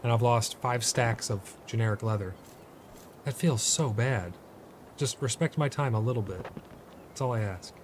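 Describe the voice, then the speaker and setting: A man's voice: medium pitch, moderate pace, long pauses, slight background noise. A man giving casual gameplay commentary, often exasperated and swearing at his bad luck while crafting. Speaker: gameplay streamer.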